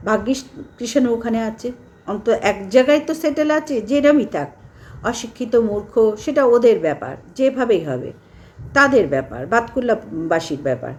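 Indignant woman ranting, lively pitch. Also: a little fast. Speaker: commentary vlogger. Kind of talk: critical commentary monologue.

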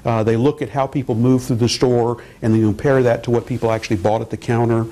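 An older man, a marketing professor, explaining calmly in a news interview in his office. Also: medium pitch, rough recording. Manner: measured, explanatory, with fillers and restarts. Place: office, indoors.

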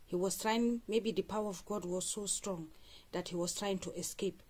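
A woman's voice: medium pitch, steady tone, moderate pace, a little mellow, breathy edge. A woman hosting a fan channel, talking viewers through church clips and repeating what was said. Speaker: channel host commentator. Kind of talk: reaction commentary.

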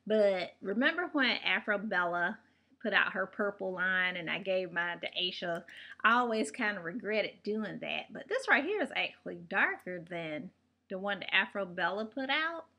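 A woman's voice: medium pitch, lively intonation, normal speed, bright, forceful tone. A woman chatting casually to the camera from home as a beauty and shopping vlogger, rambling into stories. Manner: chatty, rambling storyteller with laughs. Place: home room.

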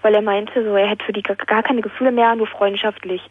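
Young woman, 18, radio caller, tinny phone line, fast nervous rambling, husky, a bit high. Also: little pitch movement, no echo. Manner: nervous, rambling, fills with "ne?" and acted-out quotes. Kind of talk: telling a personal story on call-in radio. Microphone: telephone.

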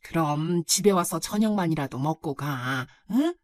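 A woman's voice: low-pitched, animated, measured pace, a little mellow, dry recording, studio quality, voice pushed down. Woman voicing a doting elderly grandmother. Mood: tender, fussing. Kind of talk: storybook narration.

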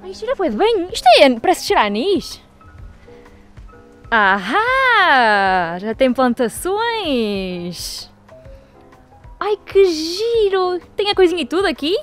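A young woman with a European Portuguese accent, chatting excitedly in a casual vlog filmed on a handheld camera. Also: extremely high pitch, slow, long pauses, faint music behind. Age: young adult. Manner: chatty, excitable, talks to her cat. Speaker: vlogger. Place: home kitchen and garden.

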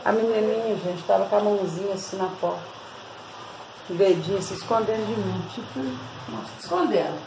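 Chatty Brazilian woman with a gravelly voice. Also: mid-range voice, fairly quick, background noise. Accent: Brazilian Portuguese. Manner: chatty, constantly addresses viewers. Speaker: vlogger. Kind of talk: casual storytelling and hair-care tips.

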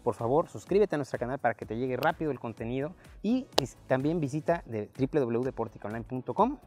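Relaxed male fitness coach outdoors. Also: mid-range voice, quick pace. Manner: relaxed, conversational, frequent fillers. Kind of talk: casual fitness chat. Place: outdoor park workout area. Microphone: lapel mic.

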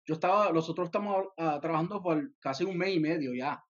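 Young male guest, slightly high and husky, dull lo-fi call audio, mixes in English phrases. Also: fairly quick. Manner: mixes English phrases into Spanish, many restarts. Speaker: music producer guest. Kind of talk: casual interview over video call. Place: home room, indoors. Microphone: headset on a video call.

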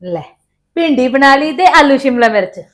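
A woman's voice: sits high, animated, normal speed. An actress playing a patient housewife who placates her demanding sister-in-law and complains to her husband. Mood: pleading. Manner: pleading, placating, then aggrieved. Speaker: actress in a village family drama.

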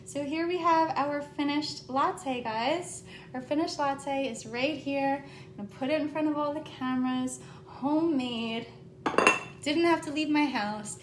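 Brief: young woman, bright high voice, bubbly live-stream cooking host, faint rumble behind her. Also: measured pace. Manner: bubbly, gushing, upbeat, addresses viewers as "guys" and "love". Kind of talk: live-stream cooking chat, reading viewer comments. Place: home kitchen.

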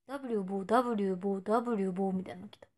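A woman's voice: mid-range voice, steady tone, racing, darkish tone. A woman in her twenties, an idol chatting casually on a livestream and reading out fan comments in a playful way, sometimes dropping to a whisper. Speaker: idol streaming to fans.

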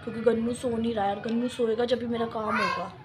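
A woman's voice: a little high, little pitch movement, fast talker, very noisy. A woman chatting casually to her viewers in a daily home vlog, filmed on her phone and addressing them as guys. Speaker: vlogger. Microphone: handheld phone camera.

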